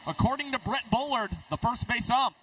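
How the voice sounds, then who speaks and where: A man's voice: very high-pitched, moderate pace, a bit bright, no echo, distant mic, low-quality recording. A man giving analytical baseball commentary in full, flowing sentences on a broadcast.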